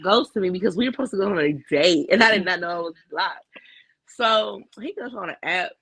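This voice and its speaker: A woman's voice: fairly low pitch, a little fast, fairly bright tone, breathy edge, dry recording, low-quality recording. Co-host, woman, chatty and blunt, recorded dry with no room sound. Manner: candid, profane storytelling with lots of fillers. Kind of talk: casual chat.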